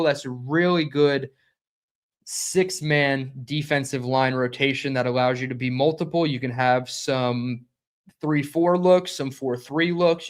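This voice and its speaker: A young man hosts a live sports reaction stream in a loose, conversational way. He talks quickly, stumbles over a word now and then, and reads viewers' chat comments aloud as he goes. His voice sits at an ordinary middle pitch for a man. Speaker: podcast host.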